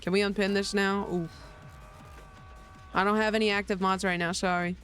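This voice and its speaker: A man's voice: high voice, little pitch movement, normal speed, sharp tone, faint music behind. Joking, swearing male game streamer. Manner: joking, laughs often, swears. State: tired after a long night. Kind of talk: casual gaming stream chatter.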